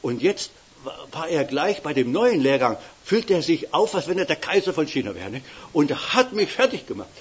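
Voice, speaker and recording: An elderly preacher delivers a sermon in a homely, conversational manner, often turning to his listeners with a quick question tag. His voice is husky and sits somewhat high. The recording sounds dull and lo-fi. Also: big pitch swings. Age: older. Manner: folksy, keeps tagging "nicht?".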